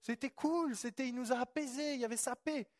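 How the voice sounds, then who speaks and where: Male preacher, high voice, fervent, repeats himself and quizzes the congregation; dry close sound. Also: brisk, darkish tone, dry recording. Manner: fervent, repetitive, asks the congregation rhetorical questions. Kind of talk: charismatic church sermon.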